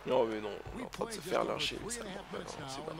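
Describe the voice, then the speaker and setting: Against a loud crowd, a man with a medium-pitched, creaky voice talks fast through a basketball video game. His live commentary swings from cheering his team to cursing his own mistakes as he coaches aloud.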